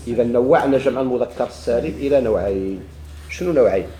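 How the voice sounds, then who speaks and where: A man's voice: mid-range voice, fast, reverberant, a crowd in the background. A man with a Moroccan Arabic accent teaching a grammar lesson, putting questions to himself and answering them, with examples repeated again and again.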